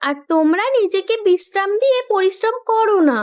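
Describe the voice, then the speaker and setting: In a Bengali cartoon, a woman voices the earnest young daughter of a landlord, protesting gently and with care. Her voice is very high-pitched and her delivery brisk.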